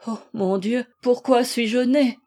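A woman's voice: on the high side, steady tone, slow pace, mellow. A woman reading an audiobook, voicing an anguished young wife who pleads in tearful prayer. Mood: despairing.

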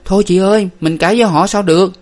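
A man's voice: high voice, fast talker, darkish tone, pitched above the performer's own voice, close to an everyday voice. A man reading a storybook aloud, voicing a timid, fearful younger sister who whimpers anxiously. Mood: frightened.

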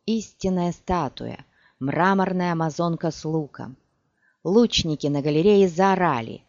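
A man's voice: a little high, a little slow, no echo. Man narrating an audiobook, muffled and dry. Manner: animated storytelling reading. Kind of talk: scripted fantasy narration. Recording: dull dry lo-fi recording.

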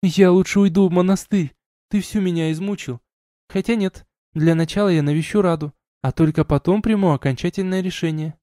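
A teasing young she-wolf woman, as a male audiobook reader puts her on, lifted well above his own dark, mellow voice. She pouts and jokes playfully. The studio sound is dry and close. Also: a little fast, no room sound, lightly acted. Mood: mock-indignant. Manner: teasing, pouting, higher and softer than the narrator.

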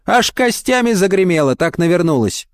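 Man doing a fussy old watchman guy, chatty, keeps exclaiming, higher voice. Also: sing-song, normal speed, no room sound, clean studio sound.

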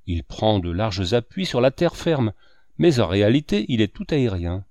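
Man reading a sardonic, declamatory older cynic, lively pitch, dry booth. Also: moderate pace, dry recording. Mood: lecturing. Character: lecturing older male cynic, sardonic talker.

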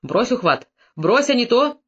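Domineering middle-aged merchant in a storybook, put on by an audiobook reader, gruff, barking scolding, slightly dull recording. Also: mid-range voice, sing-song, fast talker. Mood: shouting.

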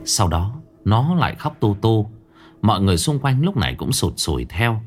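A man narrating a ghost story in a dramatic, expressive way. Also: on the low side, moderate pace. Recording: faint background music under narration.

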